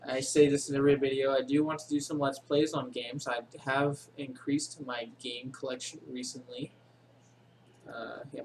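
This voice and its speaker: A man with a somewhat high voice rambles through a casual screen-recorded game tutorial for his channel, unscripted and riddled with ums and self-corrections. He claims his voice is boring, and the low-quality recording has slight background noise.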